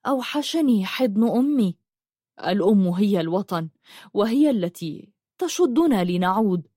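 A woman's voice: mid-range voice, animated, moderate pace, mellow, no room sound, natural voice. A woman voicing a shy, earnest young woman who stammers when flustered, in a dry storybook reading. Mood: wistful.

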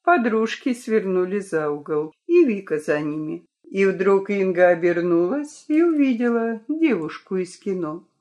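Storybook narrator: woman, animated and expressive delivery. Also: mid-range voice, a little slow, hardly any pauses.

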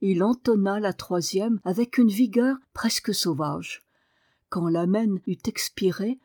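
Woman audiobook narrator: calm, measured, mid pitch, dry close sound. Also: no room sound. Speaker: audiobook reader.

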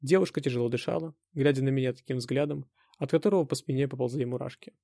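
A man reading a dramatic first-person audiobook in a tense, measured way. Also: medium pitch, creaky, dark tone, no room sound, clean studio sound. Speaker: audiobook narrator.

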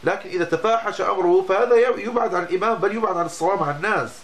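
A man's voice: high-pitched, rapid-fire, a bit bright. A man, a religious teacher giving a lesson on Islamic law, explaining patiently and often breaking off to restart a word. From Morocco.

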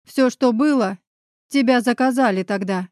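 This is an audiobook figure: a young man, urgent and pleading, who will not leave the woman he loves, as a female reader puts him on. The voice sits somewhat high and sounds close and dry. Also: normal speed, a little mellow, dry recording, natural voice. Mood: tense pleading. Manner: urgent, insistent.

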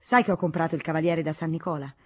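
A woman's voice: low-pitched, steady tone, quick pace, a little mellow. A woman voicing a blustering old monk. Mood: blunt. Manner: scolding, blustering.

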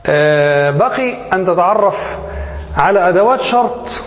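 A man's voice: sits high, lively intonation, moderate pace. A man teaching Arabic grammar as a sheikh, who keeps asking his class questions and answers them himself. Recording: echoey hall with faint hiss.

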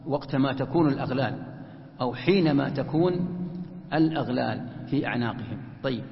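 A man's voice: medium pitch, a little fast, creaky. A man teaching a Quran commentary lesson, who asks rhetorical questions and answers them himself. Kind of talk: explanatory religious lesson. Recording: echoey hall, muffled lo-fi sound.

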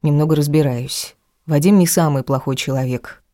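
A woman voicing a calm middle-aged woman doctor who gently comforts her daughter. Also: low-pitched, moderate pace, dry recording, clean studio sound, close to an everyday voice. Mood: gentle. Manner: gentle, soothing.

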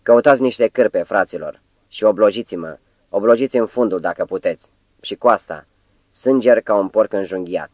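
A man's voice: fairly low pitch, no echo, close to an everyday voice. Man voicing a wounded thief, whimpering, pleading, dry close sound. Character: wounded thief moaning for help.

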